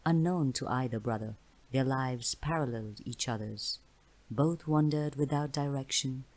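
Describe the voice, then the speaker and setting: A woman with a strikingly low, deep voice reads a dark fantasy story aloud. Her delivery is measured and dramatic, unhurried storybook narration. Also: low-quality recording. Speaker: audiobook narrator.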